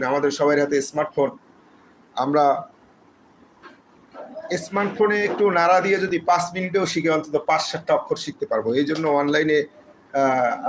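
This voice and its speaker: Man, patient letter drills, slightly high voice, faint background noise. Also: poor audio. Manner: patient, repeats letters for listeners to say along. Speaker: Quran reading teacher. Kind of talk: slow step-by-step lesson with drilled letter names.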